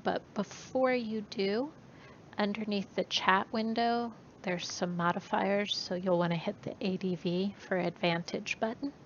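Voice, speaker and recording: A woman running an online tabletop game as game master, guiding players in a relaxed way with many fillers. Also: medium pitch, measured pace. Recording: dull lo-fi voice chat with faint noise.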